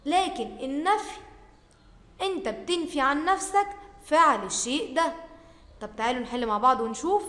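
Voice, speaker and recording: A woman teacher with an Egyptian accent, giving a primary-school language lesson. She repeats words slowly and deliberately for the pupils, then adds quick conversational asides. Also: high voice, a bit bright. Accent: Egyptian Arabic. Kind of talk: recorded Arabic grammar lesson. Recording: echoey room with long reverb.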